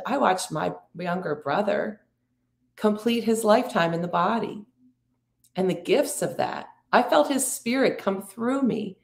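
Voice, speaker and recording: A middle-aged woman hosting an inspirational talk, speaking in slow, drawn-out, reflective phrases and inviting the listener to breathe. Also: medium pitch, echoey room. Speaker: podcast host and spiritual coach.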